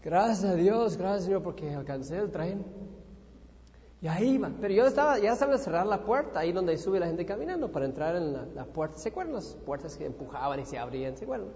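A man preaching a sermon in a church, telling a personal story with animated energy and acting out his own panic. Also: high voice, fast. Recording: echoey hall, dull lo-fi sound.

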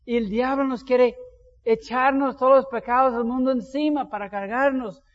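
A man preaching a sermon as pastor, telling anecdotes in an animated way. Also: extremely high pitch, moderate pace. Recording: dull lo-fi sound with long hall reverb.

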